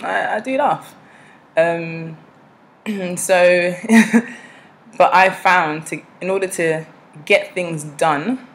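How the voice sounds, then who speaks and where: A woman's voice: on the low side, slight background noise, rough recording. A young woman with a South East London accent, chatting casually to camera in a playful way. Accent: South East London English. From born in Nigeria, raised in South East London. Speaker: vlogger.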